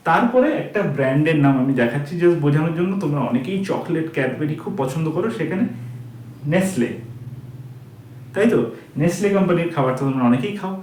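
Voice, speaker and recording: Guy teaching kids a lesson, repeats words over and over, bit high voiced, roomy echo. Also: expressive, a little mellow, slight background noise. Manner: patient, repeats words slowly to drill pronunciation. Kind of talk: explaining a lesson to children.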